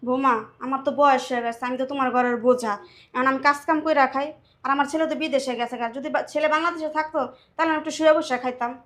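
A frail, self-effacing old mother-in-law, played by a woman. She pleads softly and hurries through her words in a fairly high voice. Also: steady tone, rapid-fire. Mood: pleading. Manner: pleading, soft-spoken. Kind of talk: amateur drama acting.

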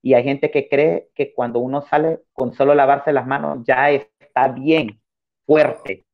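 A man's voice: medium pitch, unhurried, gravelly. A man, hosting a chat and reading viewer comments aloud one after another. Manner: reads comments in a steady run. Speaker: host. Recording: dull lo-fi sound.

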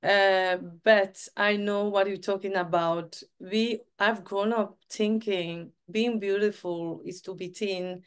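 A woman's voice: mid-range voice, steady tone, takes it slowly, few pauses, smooth. A woman, hosting an interview over a video call and giving short affirming replies. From Cameroon. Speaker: host. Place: home setup with virtual background.

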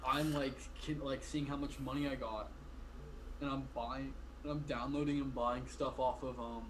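Here a roughly twenty-year-old man talks casually as a podcast guest, meandering, filler-heavy, and cutting himself off partway through sentences. His medium-pitched voice has fairly even intonation and normal speed. He's in his bedroom on a video call, with a noisy background.

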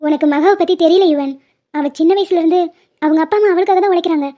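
A woman's voice: extremely high pitch, fast, mellow. A woman voicing a bossy young college student who lectures her friend in a cartoon. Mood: warning. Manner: scolding, lecturing. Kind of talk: animated cartoon voice acting. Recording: dull lo-fi sound.

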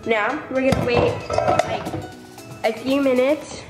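Her voice is high-pitched, fairly even, and slow as this young woman cooks in a spacious home kitchen and chats about each step for her casual vlog. Music runs behind the echoey room's sound, and the handheld camera sometimes ends up set down farther away.

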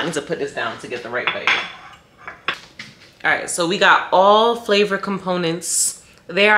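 A woman's voice: fairly low pitch, sharp tone, roomy sound. A young woman chatting casually on her food vlog, tasting a dish and talking to viewers while she eats. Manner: chatty, tastes and reacts while eating. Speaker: vlogger.

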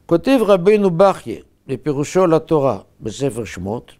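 A man, a rabbi, preaching a sermon in short, emphatic, measured phrases. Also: on the high side, very animated, dark tone.

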